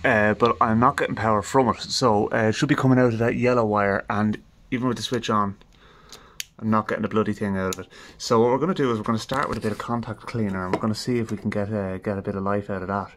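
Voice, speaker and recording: In a garage, an Irish man hosting a radio repair video talks casually through the hands-on work, thinking aloud with dry understatement. His voice is fairly low and a bit bright, with a steady tone and a fast pace. It's captured on a handheld phone with slight background noise.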